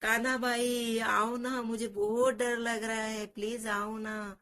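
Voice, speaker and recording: A woman's voice: fairly low pitch, moderate pace, pushed and bright. A woman voicing a small frightened village boy who pleads tearfully in a storybook tale. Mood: pleading.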